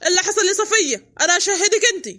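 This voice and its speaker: A voice actor playing a harried young village husband, pleading for calm in a cartoon. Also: extremely high pitch, very fast, very noisy. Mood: exasperated. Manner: pleading, exasperated peacemaker.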